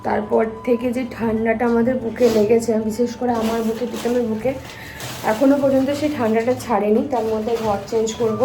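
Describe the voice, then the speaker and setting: A woman vlogger with a hoarse voice, chatting casually to her viewers as she cooks in her home kitchen. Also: on the high side, little pitch movement, brisk, music in the background. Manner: chatty, talks straight to viewers. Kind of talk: casual vlog narration while cooking.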